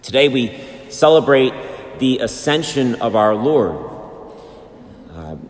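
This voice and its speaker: Man preaching in a booming cathedral echo. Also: big pitch swings. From Brooklyn, New York. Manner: unhurried, plainspoken, with casual fillers. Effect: cathedral echo, long church reverb. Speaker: parish priest. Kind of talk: Gospel reading and Sunday homily. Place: large church sanctuary. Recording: long reverb in a large church.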